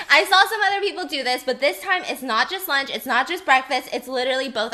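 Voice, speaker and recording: A young woman hosting a mukbang video, chatting in a bubbly, excitable and giggly way while she eats. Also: high voice. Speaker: mukbang YouTuber host. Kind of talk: casual vlog chat while eating.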